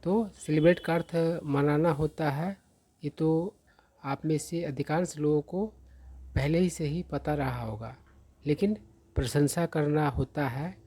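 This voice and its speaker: Slow, husky-voiced vocabulary teacher. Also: mid-range voice, dark tone. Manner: patient, explanatory, often checks in with "theek hai" and "hai na". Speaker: English teacher. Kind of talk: vocabulary lesson explained in Hindi.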